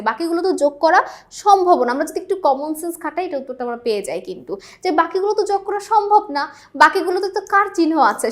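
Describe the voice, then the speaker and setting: A young woman with a high, light voice teaches a lesson. She explains each point patiently and keeps checking whether her students follow. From Bangladesh. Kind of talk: classroom lesson explaining exam questions.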